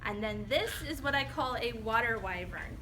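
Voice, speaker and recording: Expressive and forceful, a woman's bright, high-ish voice moves at a moderate pace as she reads her children's book to a group of young kids at a public library. She's informal, encouraging and conversational. The noisy room and distant mic leave children and room noise clearly audible behind her.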